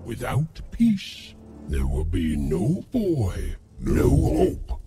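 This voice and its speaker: A man voicing a sinister, hungry shadow monster in a video game, with a gravelly, theatrical, threatening delivery. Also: on the low side, wildly swooping pitch, extremely slow, loud music behind the voice, heavily acted. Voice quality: gravelly, creaky.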